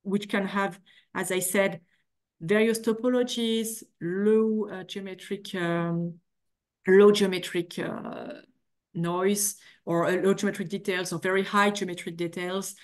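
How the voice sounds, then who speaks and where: A middle-aged woman giving an academic keynote over a video call, halting often with fillers and restarts. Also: medium pitch, steady tone. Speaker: keynote speaker. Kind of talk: academic lecture. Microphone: video call webcam.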